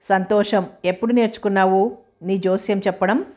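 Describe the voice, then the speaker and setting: A woman voicing a proud sharp-tongued young woman. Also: mid-range voice, steady tone, moderate pace, lightly acted. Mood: bristling. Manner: direct, curt.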